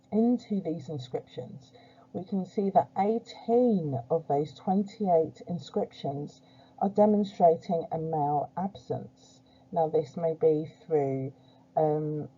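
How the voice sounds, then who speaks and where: Slow, dark-voiced woman giving an academic talk. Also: on the low side. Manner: hesitant, many filler pauses. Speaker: archaeology presenter. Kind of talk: academic presentation. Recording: dull lo-fi recording.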